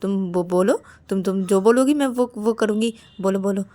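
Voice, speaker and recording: A woman's voice: medium pitch, moderate pace, warm tone, close to an everyday voice. A woman doing a stammering, timid young woman. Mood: pleading. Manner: stammering, whiny, pleading.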